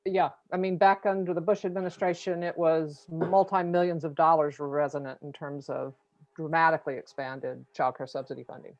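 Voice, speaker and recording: A woman taking part in a seminar over a video call. She asks a long, measured question and comment with some fillers. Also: low voice, fairly even intonation, a little mellow, no room sound. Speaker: seminar participant asking a question. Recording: dry, slightly dull video call audio.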